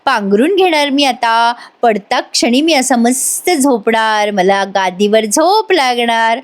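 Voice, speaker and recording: A woman's voice: on the high side, unhurried, lightly acted. A woman voicing a smug, childish young husband who gloats and taunts his wife, recapping a TV serial.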